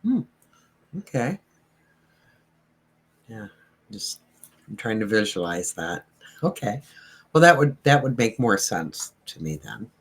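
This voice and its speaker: Man panelist, lowish husky voice, slow and musing. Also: big pitch swings, a bit bright. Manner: thoughtful, musing aloud. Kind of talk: panel discussion.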